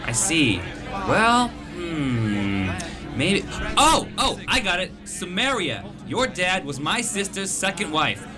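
A man's voice: high voice, takes it slowly, over music, crowd noise, heavily acted. A man voicing a pushy, rambling male spirit in an afterlife queue in a radio comedy. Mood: eager. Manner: eager, rambling, excitable. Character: chatty pushy male spirit waiting to be reborn.

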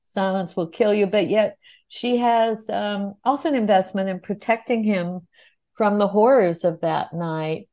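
A woman's voice: mid-range voice, measured pace, dark tone. A woman interviewer asking thoughtful, articulate questions in long, flowing sentences.

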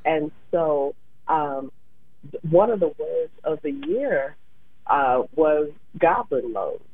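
A woman co-hosting a casual radio talk show, her voice scratchy, pausing often with fillers and restarts. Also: deep voice, animated, slightly rough. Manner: halting, many fillers and restarts. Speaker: co-host. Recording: tinny phone line.

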